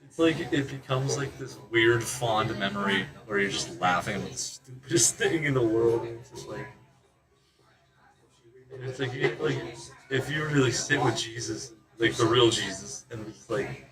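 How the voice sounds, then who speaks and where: A man's voice: mid-range voice, moderate pace, music in the background. A man hosting a casual rambling monologue, swearing and laughing to himself as he wanders between thoughts. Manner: rambling, profane, laughing asides. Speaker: host.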